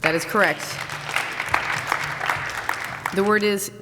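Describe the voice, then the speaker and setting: A woman acting as a spelling bee pronouncer, reading each word in a formal, precise, even manner, in a large school hall. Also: mid-range voice, over loud music. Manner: measured, even, precise diction. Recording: echoey hall, loud crowd noise.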